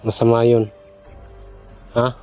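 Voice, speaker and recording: Soft-spoken pleading man. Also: mid-range voice, monotone, slow, soft background music. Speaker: vlogger. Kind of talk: casual vlog talk.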